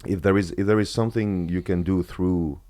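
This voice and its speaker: A former footballer from Kosovo speaks with an Albanian accent as a guest in a relaxed interview, halting often with fillers and restarts. His voice is deep and dark, and his tone stays steady.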